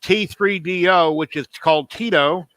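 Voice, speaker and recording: A man's voice: sits high, a little slow, a bit bright, no room sound. A man in his fifties hosting a livestream, telling rambling stories in casual chat. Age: 50s. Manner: rambling storyteller. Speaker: livestream host.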